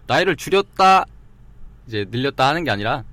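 A man's voice: mid-range voice, lively intonation, brisk, fairly bright tone, dry recording. A man appearing as a guest actor on a casual talk show, polite and hesitant with many yes-fillers.

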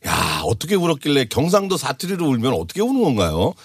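A man explaining old songs on a radio show in lively casual chat, laughing often. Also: mid-range voice, fast, breathy edge, dry recording, clean studio sound. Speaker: music commentator.

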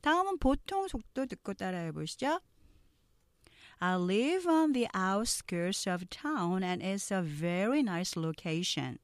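A woman gives an English pronunciation lesson in a lively, rising-and-falling voice. She speaks slowly and deliberately, pausing between phrases for learners to copy. The sound is close and dry, with no room echo. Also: medium pitch. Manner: slow, careful drills spoken for learners to repeat; switches between explaining and modeling phrases. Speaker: English teacher.

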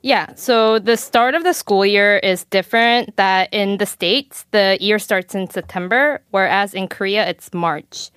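Smooth-voiced young woman guest. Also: medium pitch, measured pace, hardly any pauses, a bit bright, dry recording, clean studio sound. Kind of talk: casual chat.

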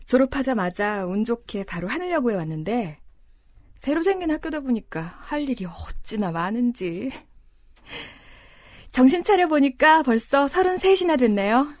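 A shy, soft-spoken teacher in her thirties, played by a woman in an audio drama. Her voice sits high and moves a lot, recorded dry and close with faint music under it. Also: lively intonation, moderate pace, no room sound, close to an everyday voice. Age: 30s. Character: shy 33-year-old female dorm supervisor teacher. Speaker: voice actor. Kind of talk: Korean audio drama acting.

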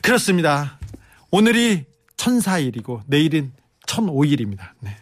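A middle-aged man talking casually as a live radio host, with a voice sitting a little high for a man. He reads listener messages in a chatty, animated way, jumping from excited bursts to quieter asides. The sound is dry and close to the mic. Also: moderate pace, no room sound. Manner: chatty, animated, swings between excited and soft.

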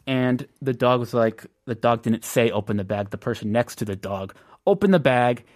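A man's voice: mid-range voice, normal speed, dry recording, studio quality. A Korean man with a Korean accent and Korean as his first language, co-hosting a casual chat and telling stories that slip into Korean phrases. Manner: anecdotal storytelling, switches into Korean phrases. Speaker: co-host.

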